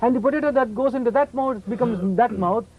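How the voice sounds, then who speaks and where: A man's voice: very high voice, fairly quick, husky, phone-quality sound. A man teaching about oneness in a playful, questioning way. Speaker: yoga teacher. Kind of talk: lively spiritual talk.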